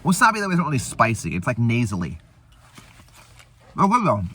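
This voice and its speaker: A man's voice: medium pitch, huge pitch swings, normal speed, fairly bright tone, breathy edge. A man hosting a casual eating show, rambling and laughing as he retells a movie between bites. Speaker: host. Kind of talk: casual chat.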